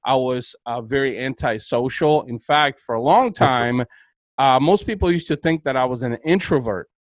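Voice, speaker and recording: A man's voice: medium pitch, normal speed, no echo, low-quality recording. A man from Bulgaria, hosting a podcast interview and talking in an enthusiastic, motivational way. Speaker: podcast host. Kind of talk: interview conversation.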